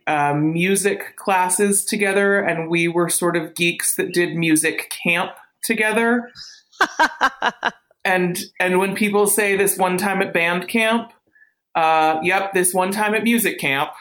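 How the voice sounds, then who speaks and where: A woman in her late thirties talking candidly and haltingly in an interview, her voice altered to hide her identity. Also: on the low side, a bit bright. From small town. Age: late 30s. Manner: hesitant, halting recollection. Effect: voice altered for anonymity. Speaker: anonymous interview guest.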